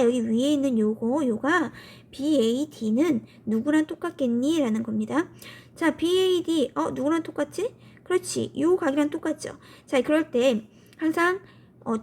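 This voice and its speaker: Female math teacher, high voice, casual quiz-and-answer lecturing. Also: gravelly, darkish tone. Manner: asks questions and answers them herself; colloquial, upbeat, often starts with "so".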